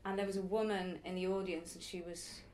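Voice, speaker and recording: A woman in her early forties, a circus performer who also teaches youth circus, answers interview questions in a chatty, reflective way, laughing now and then. Her lowish, darkish voice is flat and fairly quick, with slight background noise.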